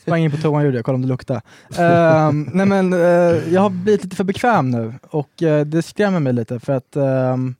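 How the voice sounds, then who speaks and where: A man's voice: on the high side, animated, hardly any pauses, a little mellow, dry recording, clean studio sound. A man co-hosting a podcast, telling crude stories in a candid, casual chat. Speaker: podcast co-host.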